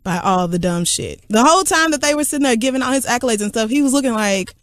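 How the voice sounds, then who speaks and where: A woman's voice: a little high, expressive, fast, fairly bright tone, no room sound. Teasing woman podcast co-host. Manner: teasing, laughs often. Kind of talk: casual chat.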